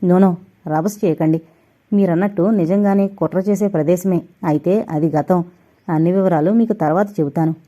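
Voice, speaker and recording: A woman gives voice to an anxious male doctor in an audio novel. He speaks in a hurried, pleading way. His tone is warm and dark. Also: on the low side, natural voice. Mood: urgent.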